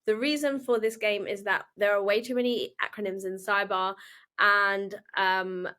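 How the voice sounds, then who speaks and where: A woman hosting a casual interview, running quick quiz games and laughing often. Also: mid-range voice, steady tone, bright, forceful tone. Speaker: host.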